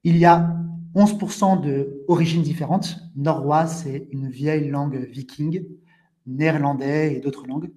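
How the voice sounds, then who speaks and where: A man hosting a live online language webinar, explaining things slowly with frequent restatements and talking to viewers in the chat. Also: fairly high pitch, fairly even intonation, mellow. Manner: interactive, addresses viewers in the chat. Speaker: French teacher hosting a webinar.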